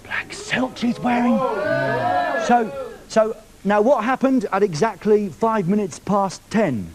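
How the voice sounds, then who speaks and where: In a TV studio, a male presenter hosts a live show and pulls a prank phone call, teasing the caller with cheeky questions. His voice sits high and he speaks slowly. The recording is very noisy.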